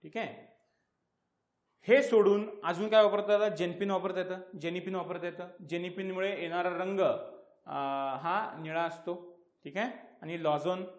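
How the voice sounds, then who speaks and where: A man's voice: sits high, fairly even intonation, unhurried, reverberant. A man with a Marathi accent giving an exam-prep lecture. He asks questions and answers them himself, repeating key terms. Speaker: teacher.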